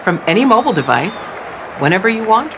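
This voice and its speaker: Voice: medium pitch, big pitch swings, quick pace, crowd noise, background noise. A voice-over with an American accent reading a scripted radio advert.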